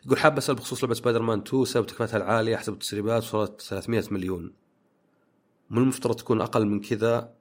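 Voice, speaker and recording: Male podcast host, lowish voice, quick casual delivery full of fillers. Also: steady tone. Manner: rambling, thinks aloud with many fillers. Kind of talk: casual chat reading listener questions.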